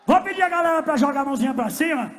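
A man acting as MC on a live stage, loudly leading the crowd and counting them in. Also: very high voice, animated, rapid-fire. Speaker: show MC.

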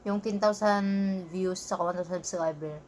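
A woman's voice: on the low side, steady tone, a little slow, a little mellow, slight background noise. A woman vlogger chatting casually to her viewers with her mouth full while eating. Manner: chatty, addresses viewers as guys. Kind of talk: casual mukbang chat.

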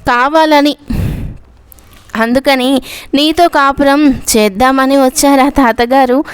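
A woman's voice: high-pitched, fairly even intonation, takes it slowly. Woman voicing a cheeky young woman. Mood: playful. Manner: playful, pouting.

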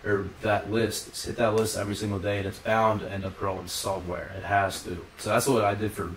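Young male podcast host, low voice, quick loose chatter full of fillers, roomy off-mic sound. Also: little pitch movement, recorded from a distance, a little hiss or hum. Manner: rambling, filler-heavy, lots of "like" and swearing. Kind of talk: casual podcast chat.

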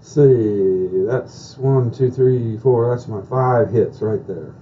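A man works as a craps table caller, announcing rolls and bets in short, clipped phrases. He speaks slowly at an ordinary male pitch. The recording is dull and lo-fi, with clear background noise. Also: dark tone. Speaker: craps player calling his own practice rolls. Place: indoors at a home craps table.

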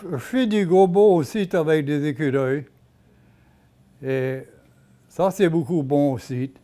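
In his indoor kitchen, this home cook in his 70s or beyond speaks with a Cajun Louisiana accent, sharing stories and explaining his cooking casually in short, folksy phrases. His voice sits on the high side with a dark tone and a measured pace. Room and kitchen noise come through clearly on the lapel microphone.

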